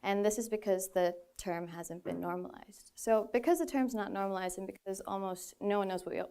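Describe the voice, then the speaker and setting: On the stage of a large hall, a Filipina in her twenties delivers a prepared talk. Her voice is medium-pitched and a little mellow, and she speaks earnestly, now and then laughing lightly at herself.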